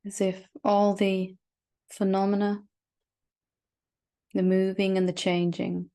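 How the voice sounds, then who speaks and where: With a medium-pitched voice and level tone, a woman guides a meditation as a spiritual teacher. She speaks softly and reassuringly, pausing at length without hurry.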